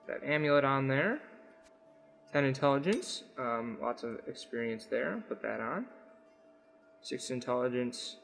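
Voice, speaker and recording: A young man with a sick, croaky voice, hosting casual gameplay commentary and rambling with lots of ums and uhs. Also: mid-range voice, a bit bright. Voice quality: rough, croaky voice. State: sick, under the weather. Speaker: gaming channel host.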